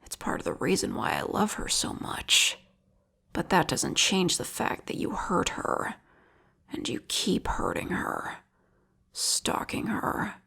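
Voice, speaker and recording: A woman performs an intimate audio roleplay as a fixated, love-struck vigilante murderess. Her whispery, gravelly voice sits on the low side with a fairly bright tone, and she stays fully in character, slow and taunting.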